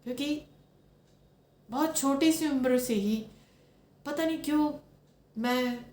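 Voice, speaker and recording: This spiritual speaker, a woman in her thirties, has a slightly high, dark-toned voice that echoes in a reverberant space. Her personal talk is earnest and reflective, sprinkled with English phrases.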